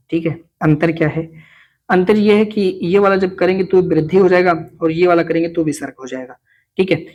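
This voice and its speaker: A slightly high-voiced man teaching a Hindi grammar class for an exam. He works through examples step by step in a friendly, easygoing way. He keeps checking in with his students and calls them by familiar words. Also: a little mellow. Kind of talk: exam coaching lesson.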